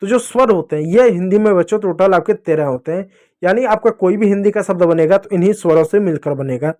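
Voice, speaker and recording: A man's voice: high-pitched, brisk, dark tone. A man teaching a beginners' reading lesson to young children, friendly and playful, explaining with everyday examples and lots of repetition.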